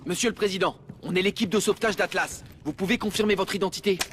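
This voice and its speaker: A man playing a commanding special forces team leader in a military shooter game, giving brisk, clipped orders. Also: high voice, fairly bright tone. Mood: brisk, focused. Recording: vehicle and battle noise.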